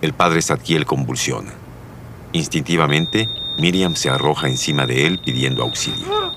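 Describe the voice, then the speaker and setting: A man narrating a drama in a measured, solemn way. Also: very deep voice, noisy background.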